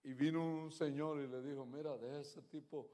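A man preaches to his congregation with a fairly high voice that carries a long echo through the church hall. He moves between loud, emphatic declarations and quieter, chatty storytelling. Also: fairly even intonation, normal speed. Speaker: pastor. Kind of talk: sermon with stories.

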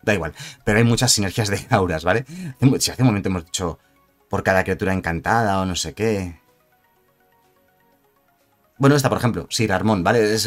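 A man giving a rambling, animated casual card analysis, often correcting himself. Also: on the low side. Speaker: card game reviewer. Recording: faint background music.

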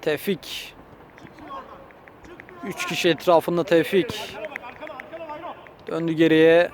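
A male football commentator with a fairly high-pitched voice calls a match live. He names players and moves in short, clipped bursts, lifting his voice when shots come. Faint outdoor noise sits behind him. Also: slow. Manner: raises his voice excitedly at shots and goals.

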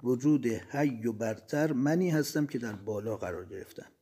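A man reading the part of a dead engineer who calmly recounts leaving his body. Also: medium pitch, slightly rough. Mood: calm recollection. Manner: measured, reflective storytelling.

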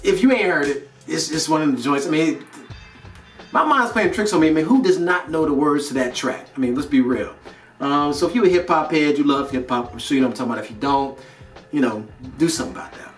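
Host of a motivational video series, this man in his thirties from North Carolina, United States, has an American accent and a fairly high, lively voice that moves fairly quickly. He talks casually to camera in an emphatic, slangy style in an indoor studio with a plain grey backdrop, recorded with roomy echo, a distant mic, and music in the background.

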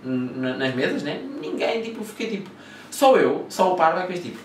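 A man's voice: high voice, expressive, a little fast, slight background noise. A young man from Portugal with a Lisbon slang accent, telling travel stories in a casual, rambling way, full of swearing and fillers. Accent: European Portuguese, Lisbon slang. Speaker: vlogger. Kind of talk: casual storytelling. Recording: echoey room, mic at a distance.

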